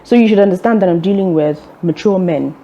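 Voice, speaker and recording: A young woman, an executive director, giving measured, orderly interview answers with occasional ums. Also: on the low side, warm tone, lo-fi sound. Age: young adult. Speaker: executive director of a fuel transport firm.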